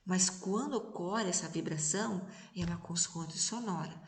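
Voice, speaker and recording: A Brazilian woman teaching young children in a remote lesson, speaking slowly and patiently and stretching out syllables. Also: fairly low pitch. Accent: Brazilian Portuguese. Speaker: primary school teacher. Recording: echoey, reverberant room.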